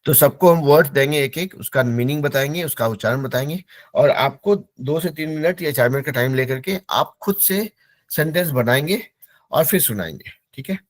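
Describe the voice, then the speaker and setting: A man's voice: fairly high pitch, lively intonation, dry recording. Patient male teacher drilling English words. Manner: patient, repeats words slowly for pronunciation drill. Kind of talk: online class instruction.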